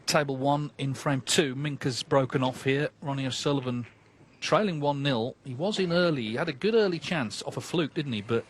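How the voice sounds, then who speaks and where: A man giving live snooker match commentary in a measured way, often turning remarks into tag questions. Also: mid-range voice. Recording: background noise and arena ambience.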